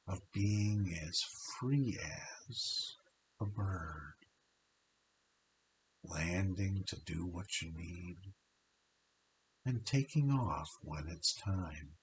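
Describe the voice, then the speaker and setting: A man leading a guided relaxation in a soft, hypnotic way, drawing out short phrases with long pauses and sometimes dropping to a breathy half-whisper. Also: deep voice, poor audio. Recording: steady tape hiss.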